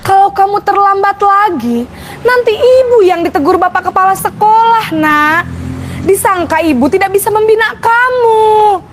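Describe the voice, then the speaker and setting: A woman acts out a schoolteacher whose voice sits very high and thin, snapping sarcastic reproaches and then sighing heavy, pleading complaints. It is a staged classroom role-play for a teacher-training video, with a nagging, exasperated edge throughout. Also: lively intonation, unhurried, bright, forceful tone, slight background noise, heavily acted. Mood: guilt-tripping. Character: stern then guilt-tripping female schoolteacher.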